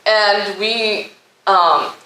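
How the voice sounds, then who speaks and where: Young woman interview guest, halting and casual; echoey room, faint noise behind. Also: mid-range voice, pushed and bright. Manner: hesitant, lots of "um" and "like", laughs shyly. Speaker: guest, cast member. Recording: echoey room, mic at a distance.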